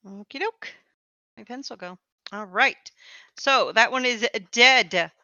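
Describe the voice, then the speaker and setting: A woman's voice: fairly high pitch, takes it slowly, sharp tone, no room sound, highs cut off. A woman speaking as game master, casually narrating a tabletop game.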